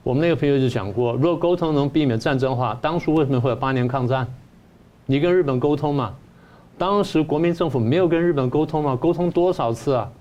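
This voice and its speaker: A man's voice: a little high, fast, darkish tone, dull audio. A man, a professor giving political commentary who argues his point through repeated rhetorical questions. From Taiwan.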